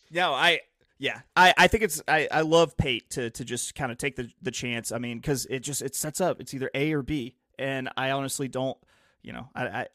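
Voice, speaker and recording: A man's voice: mid-range voice, a bit bright, dry recording, clean studio sound. A man hosting a casual podcast, thinking aloud through his betting picks in a rambling, restart-heavy way. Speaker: podcast host and horse racing handicapper.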